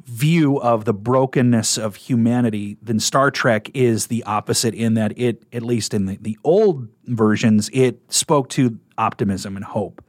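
A man's voice: medium pitch, measured pace, hardly any pauses, darkish tone, dry recording. Chatty guy on a radio interview, dry studio sound, easygoing. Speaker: radio talk show guest and coworker. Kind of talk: casual interview chat.

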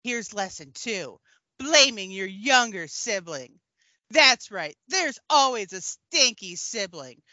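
A woman's voice: medium pitch, animated, slow, bright, forceful tone, no echo, voice pushed down. A woman voicing a perky, self-absorbed teen girl idol in a comedy bit on a podcast, with a bubbly, sugary delivery. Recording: dry, dull lo-fi sound.

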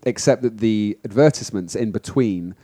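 Mellow-voiced man chatting about surfing. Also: on the low side, normal speed. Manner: chatty, self-deprecating, laughs easily. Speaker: podcast co-host. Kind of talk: casual chat.

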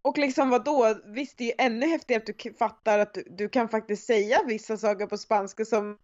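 A woman in casual chat, reacting with excited, supportive remarks. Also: fairly high pitch, dry recording, muffled recording. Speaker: podcast co-host.

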